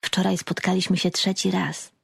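A woman's voice: lowish voice, little pitch movement, moderate pace, gravelly, breathy edge, exaggerated voice. Woman voicing an eager lovestruck older sister. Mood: playful. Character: older sister, young woman in love, playful.

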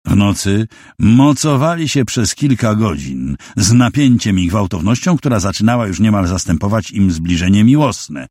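A man reading a novel aloud as an audiobook narrator, measured and expressive storytelling on a close mic. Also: lowish voice, husky, no echo. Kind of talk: scripted literary narration.

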